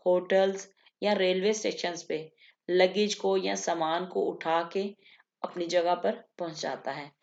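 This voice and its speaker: A woman teaching English vocabulary, repeating each word and explaining it slowly. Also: medium pitch, a little mellow, muffled recording. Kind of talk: vocabulary lesson.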